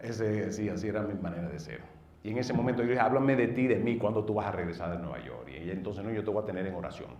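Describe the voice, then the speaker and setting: Earnest Dominican pastor in an echoey room. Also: male voice, lively intonation, quick pace. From northeastern United States. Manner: earnest storytelling that swings between loud bursts and low murmurs. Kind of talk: personal testimony. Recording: roomy sound from a distant mic.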